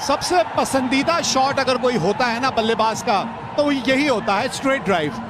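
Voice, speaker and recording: Excited high-pitched male cricket commentator. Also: normal speed, crowd noise, noisy background. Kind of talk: live cricket match commentary.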